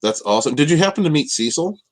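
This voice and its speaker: A man's voice: a little high, animated, quick pace. Easygoing male live-stream host. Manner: easygoing, laughs, greets viewers. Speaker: host of a live interview show. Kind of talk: casual live-stream interview.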